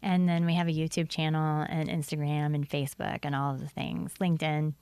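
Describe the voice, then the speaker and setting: A woman guest on a podcast speaks with a smooth, clear voice pitched on the lower side. She is bubbly and enthusiastic, running her thoughts together with easy fillers. The recording is close and dry. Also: level tone, brisk, darkish tone, dry recording. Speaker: guest filmmaker. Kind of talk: casual interview chat.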